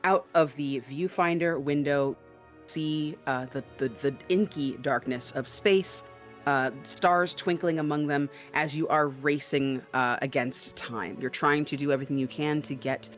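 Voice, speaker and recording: A man working as a game master, improvising scene narration and often pausing to search for words. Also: fairly high pitch, a bit bright, soft background music.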